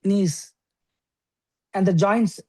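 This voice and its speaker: A woman teaching an astrology class, explaining step by step with frequent okays and pauses. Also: medium pitch, darkish tone, low-quality recording. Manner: explains slowly with many okays and fillers. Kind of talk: lecture.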